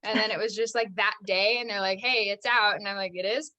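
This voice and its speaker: Speaking in a steady, mid-range voice that is brisk, bright and forceful, a young American actress chats as a podcast guest. The casual interview talk is full of "like" and frequent laughs.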